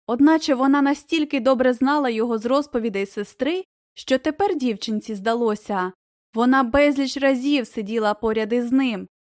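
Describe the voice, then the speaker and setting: A woman giving a gentle, expressive scripted reading of a children's tale. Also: a little high, dry recording, studio quality. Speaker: audiobook narrator.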